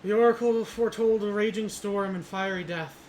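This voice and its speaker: A man's voice: high-pitched, steady tone, normal speed, a little mellow, pitched above the performer's own voice, close to an everyday voice. A man doing a trembling young seer. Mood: ominous. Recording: noisy background.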